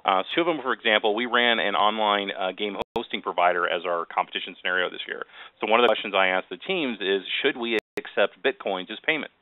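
A man directing a competition, giving brisk, matter-of-fact examples on a webinar panel. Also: on the low side, no room sound. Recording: phone-line audio.

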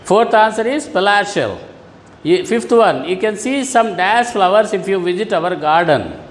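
A man teaches young pupils in an online lesson, his voice fairly high and his delivery unhurried. He patiently repeats and rephrases each word, and the room rings with a long echo over a faint hum. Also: animated. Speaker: school English teacher. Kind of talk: online classroom lesson for children.

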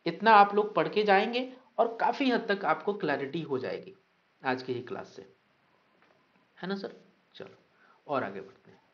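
A man's voice: sits high, lively intonation, normal speed, long pauses, a bit bright, muffled recording. A man teaching an online exam-prep lecture, mixing Hindi and English and asking questions of his students. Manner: addresses students as sir, reads names from the live chat; mixes Hindi and English, asks questions of the class.

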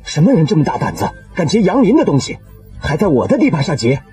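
An actor playing an indignant male bandit leader in a period TV drama, protesting loudly. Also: on the high side, sing-song, fast talker, distant mic, faint music behind.

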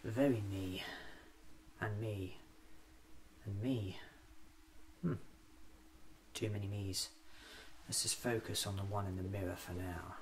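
A man in his thirties playing a whimsical, eccentric time-traveling doctor musing aloud in soft-spoken, deliberate ASMR roleplay. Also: lowish voice, steady tone, a little hiss or hum, poor audio. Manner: deliberate, musing, often near whisper.

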